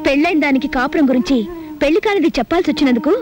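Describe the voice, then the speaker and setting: Actress as defiant young woman, quick high scolding, film score behind. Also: over music, lightly acted. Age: young adult. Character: bold unmarried young woman, fiery and stubborn.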